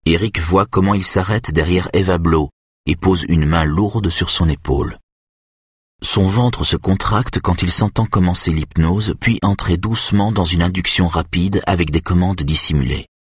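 A man narrates an audiobook in a measured, steady read. His voice is very low and husky. The recording is dry and close, with no room sound. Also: no echo. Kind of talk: scripted narration.

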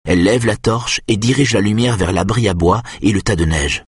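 A man reading a tense thriller aloud as an audiobook narrator, in measured, steady storytelling. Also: fairly low pitch, slightly rough, no echo, clean studio sound.

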